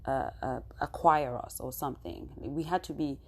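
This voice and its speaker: Speaking at normal speed in a bass voice, this Cameroonian-accented woman vlogs about something personal. She is earnest and conversational, with frequent "you know" asides to her viewers.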